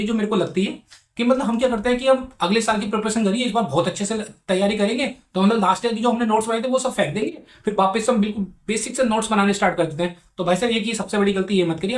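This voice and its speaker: A young man from India giving exam-prep advice in a casual, earnest vlog, repeating his points and speaking straight to his viewers. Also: high-pitched. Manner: rapid, earnest, repetitive, addresses viewers as bhai sahab.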